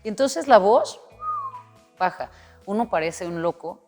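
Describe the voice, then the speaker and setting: A woman appears as a guest coach in an interview conversation, speaking earnestly and explanatorily and sometimes voicing an imagined inner dialogue. Her medium-pitched, darkish voice is animated yet a little slow. A long reverb tail trails her words, with faint music underneath.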